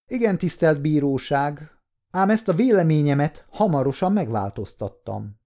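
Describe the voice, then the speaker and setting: A man's voice: on the high side, expressive, mellow, voice pushed up. A man voicing an earnest male police doctor giving testimony in court in an audiobook story.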